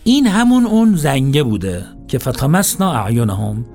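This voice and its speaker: A man's voice: mid-range voice, soft background music. A man delivering a religious sermon, moving between recited verses and casual, conversational explanation to listeners. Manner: animated, shifts between recitation and conversational address. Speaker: religious lecturer. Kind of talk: Quranic sermon with colloquial asides.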